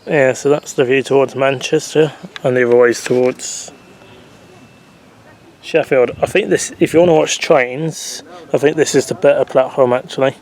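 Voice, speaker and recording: A man's voice: mid-range voice, fairly even intonation, moderate pace, darkish tone. A man chatting casually to his handheld camera while out walking and waiting at a rail station, rambling and correcting himself as he goes. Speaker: travel vlogger. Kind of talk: casual walking vlog commentary. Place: outdoors in countryside and on a rail platform. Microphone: handheld camera mic. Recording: faint outdoor background noise.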